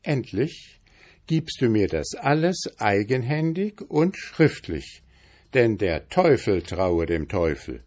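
A crafty young journeyman from a fairy tale, polite on the surface but quietly mocking, as a man plays him. He talks slowly and lets his pitch rise and fall with a lively range. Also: exaggerated voice. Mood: commanding. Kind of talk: fairy tale read aloud.

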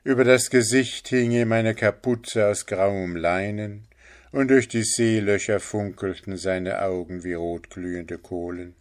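A man narrating a fairy tale in a calm, measured reading style. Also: lowish voice. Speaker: storyteller.

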